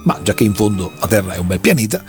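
Man, dramatic storyteller, lively pitch, faint background music. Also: fast talker. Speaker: podcast host recounting an anime plot. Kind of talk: storytelling plot recap in a casual chat.

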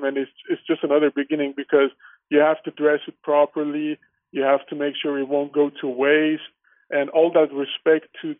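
A man's voice: on the high side, no echo. A man from Armenia with an Armenian accent, a guest speaking earnestly in a casual interview over the phone. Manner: earnest, restarts often with "you know". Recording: tinny phone line.

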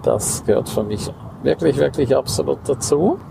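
A man with a gravelly, creaky voice talks a casual podcast monologue outdoors. He rants indignantly and keeps tossing in tag questions. Traffic and street noise fill the background. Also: medium pitch, lively intonation, normal speed. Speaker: podcast host and coach.

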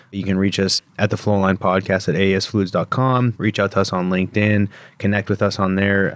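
Informal male host, low and dry. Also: no echo. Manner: informal, conversational. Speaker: podcast host. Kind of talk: casual conversation.

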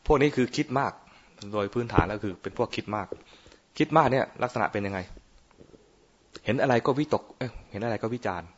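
Low-voiced monk, teasing dharma talk. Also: male voice, brisk, pauses often, husky. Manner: playful, teasing, quizzes listeners with questions. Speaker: Buddhist monk teaching meditation. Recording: muffled lo-fi recording.

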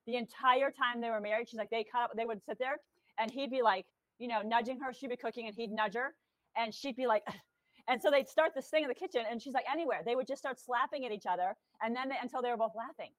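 Lively woman medium telling stories. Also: on the high side, fast, dry recording, rough recording. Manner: lively, animated, acts out quotes with laughter. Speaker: guest medium. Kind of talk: casual storytelling chat.

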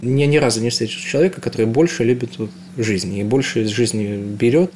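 Young man, casual halting interview answers, faint noise. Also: mid-range voice, darkish tone. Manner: hesitant, halting, with frequent restarts. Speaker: interview guest. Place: house.

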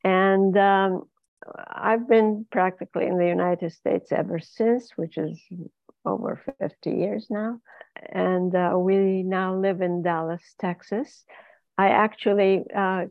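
In a remote interview, an elderly Ladino-speaking woman from Izmir, Turkey, recounts her personal story at an unhurried pace, laughing frequently as the guest. Her lowish voice keeps a fairly even intonation. The recording is lo-fi but has no echo.

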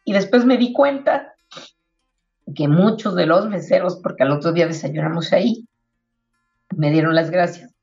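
Gravelly woman sharing a testimony. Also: on the low side, moderate pace, long pauses, dull audio, soft background music. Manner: warm storytelling with religious exhortation. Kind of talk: spiritual testimony on radio. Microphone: radio studio microphone.

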